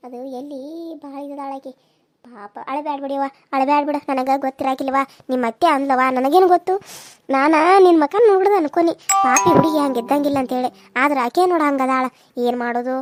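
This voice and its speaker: A woman voicing an older village aunt who soothes and gently advises, with a North Karnataka accent. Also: sits high, fairly even intonation, fairly quick, loud music behind the voice, close to an everyday voice. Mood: doubtful. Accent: North Karnataka Kannada. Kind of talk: cartoon serial dialogue.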